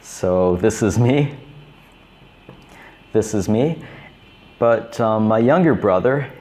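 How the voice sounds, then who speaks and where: A man in his thirties teaching beginner English, repeating each simple phrase slowly and clearly. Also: lowish voice, animated, darkish tone. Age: 30s. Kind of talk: slow, repetitive teaching for beginners.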